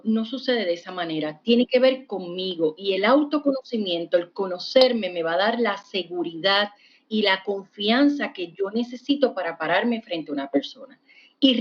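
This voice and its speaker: A woman's voice: a little high, lo-fi sound. A woman psychologist, a guest on a podcast, explaining patiently and often checking in with a "right?". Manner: warm explanatory, asks "¿verdad?" often. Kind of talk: podcast interview.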